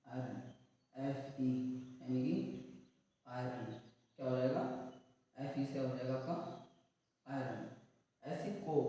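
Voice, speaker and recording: A male teacher talks slowly in a mellow voice, asking a question and then repeating the answer again and again. He sounds set back from the mic in a room with a lot of echo and a long ringing tail. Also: mid-range voice. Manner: slow, repeats each answer as a call-and-response question. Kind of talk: exam-prep lesson with memory tricks. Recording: echoey room from a distant mic.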